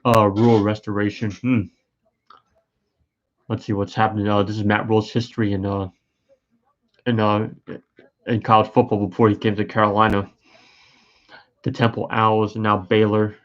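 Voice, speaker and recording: A fairly low-pitched man talks through a casual live stream, sleepy and yawning. He rambles and hesitates, restarting his sentences and filling gaps with ums and uhs. The audio is dull and lo-fi. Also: little pitch movement, normal speed, pauses often. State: tired and yawning. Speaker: sports streamer.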